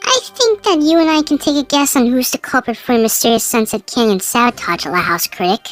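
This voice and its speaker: A woman's voice: fairly high pitch, lively intonation, fast, soft background music. A woman delivering scripted review commentary as a video critic.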